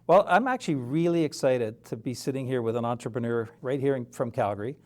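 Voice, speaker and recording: Male podcast host, mid-range pitch, upbeat conversational interviewer. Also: lively intonation, fast talker.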